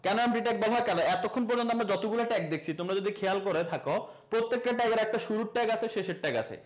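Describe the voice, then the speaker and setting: A young male teacher talks through a coding lesson over a screen share. His voice sits high and the words come quickly. He keeps it casual, joking and teasing his students along the way. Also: poor audio.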